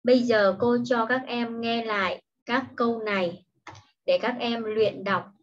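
Slow, patient woman teaching children. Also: fairly high pitch, steady tone. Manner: explains each word in Vietnamese, then says the English word clearly and repeats it. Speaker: primary school English teacher. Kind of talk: slow, patient online lesson for young children. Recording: dull, lo-fi recording.

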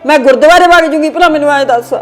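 A woman's voice: high-pitched, fast, soft background music, natural voice. A woman acting a mother who laments her family splitting apart and her sons' wives never being content. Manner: aggrieved, lamenting. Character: distressed mother of two quarrelling sons. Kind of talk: family comedy skit acting.

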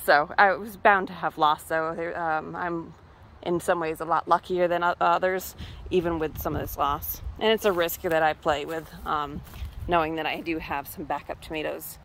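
A woman's voice: low voice, fairly even intonation, moderate pace, a bit bright, slight background noise. Chatty woman touring her garden outdoors. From Massachusetts, USA. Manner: chatty, thinking aloud with many ums. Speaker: homesteader giving a garden tour. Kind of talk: casual walk-through vlog.

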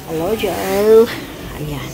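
A woman's voice: mid-range voice, noisy background. A woman with a Filipino accent, vlogging casually as she walks around an office bazaar with her phone. She chats along and keeps saying "ayan" between items. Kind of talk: casual walk-through vlog. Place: indoor office bazaar with crowd. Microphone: handheld phone camera. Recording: phone video with crowd chatter.

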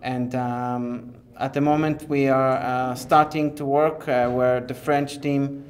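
A middle-aged man, an archaeologist, explains his field project in an interview inside a cave, pausing often mid-sentence. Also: mid-range voice, level tone. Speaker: archaeologist leading the excavation project. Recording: cave interview with faint background noise.

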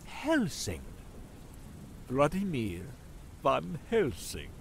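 A man playing a suave, sinister aristocratic vampire count in an audio drama, with a theatrical, condescending, drawn-out delivery. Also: fairly high pitch, huge pitch swings, vocal fry, a little hiss or hum, full character voice. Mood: smooth, sinister. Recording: music under the voice.

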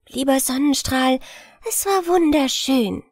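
A woman voicing a small, eager dwarf princess in a storybook, high and sweetly pleading. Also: measured pace, dry recording, studio quality. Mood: grateful.

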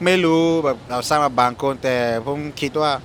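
A man's voice: a little high, brisk, fairly bright tone, a little hiss or hum. A man from Cameroon with a Cameroonian accent, chatting casually in fluent but broken foreigner's Thai, wordy, repetitive and full of exclamations. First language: not Thai, speaks it as a foreigner. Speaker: interview guest. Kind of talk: casual chat.

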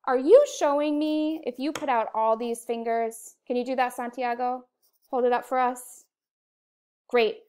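American woman, kindergarten teacher voice, slightly high, slow delivery, encouraging instructions for small children. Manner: kindergarten teacher voice, simple encouraging phrases with clear counting. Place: indoor room, recorded video lesson at a computer.

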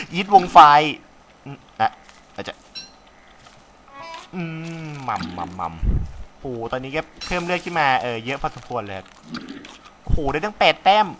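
A man's voice: medium pitch, a bit bright, slight background noise. A young man casually commenting as he plays a game, chatty with viewers, swearing freely and talking with a slight cold. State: has a cold. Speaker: gaming commentator. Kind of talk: casual let's play commentary. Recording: faint game music behind.

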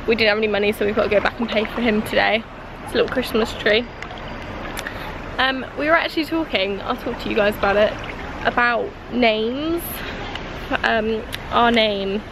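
A woman's voice: fairly high pitch, moderate pace. A British woman in her twenties chatting casually to a handheld camera as she vlogs outdoors at a resort. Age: 20s. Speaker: vlogger on honeymoon. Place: outdoors at a resort, by and in an open-air pool. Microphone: handheld camera at arm's length. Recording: noisy outdoor holiday camera audio.

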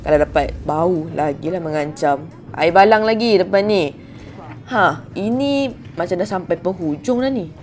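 A young Malaysian woman talks over her food vlog in a relaxed, conversational voice-over, full of chatty asides and self-mocking remarks to her viewers. Her voice sits fairly low, with faint music playing behind it. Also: moderate pace. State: hungry while fasting. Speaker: food vlogger. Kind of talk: casual voice-over narration.

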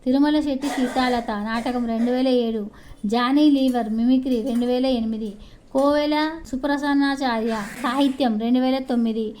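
Mellow woman reading a biography. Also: sits high, fairly even intonation, normal speed, a little hiss or hum. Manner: reads long lists of places, years and awards, with slips and restarts. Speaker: channel narrator. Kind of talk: read-aloud biography narration.

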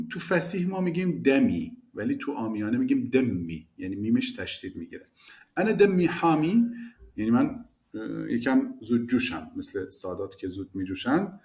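A man's voice: lowish voice, a little mellow. A man teaching a language lesson, explaining phrases animatedly and repeating the key words.

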